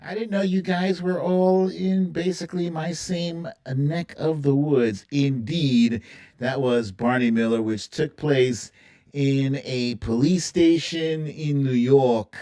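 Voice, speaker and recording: The voice is medium in pitch, steady, slow and dark-toned. A livestream host jokes around with viewers during a loose TV theme quiz, wandering off in thought and playfully humming or singing the theme tunes.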